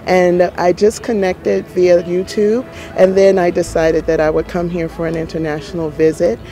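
A woman from the United States giving an earnest, deliberate testimony in an interview outdoors. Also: lowish voice, little pitch movement, dark tone. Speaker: church visitor giving testimony.

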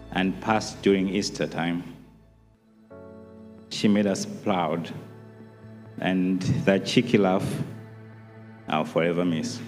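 A man giving a tender, measured eulogy as a relative. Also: low voice, a little mellow. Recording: long hall reverb, music behind. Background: music.

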